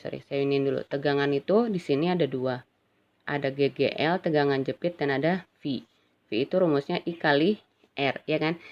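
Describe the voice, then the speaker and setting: A woman physics teacher gives a casual classroom lecture, chatty and checking in with her students often. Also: sits low. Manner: chatty, addresses students as "Nak", frequent "ya kan". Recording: dull lo-fi recording with faint ambient noise.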